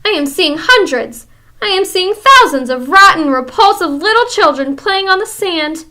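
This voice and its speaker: A woman's voice: very high-pitched, animated, moderate pace, pushed and bright, pitched above the performer's own voice, heavily acted. Woman doing a shrieking tyrant witch queen. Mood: furious. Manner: screaming, commanding, ranting. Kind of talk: audiobook character reading.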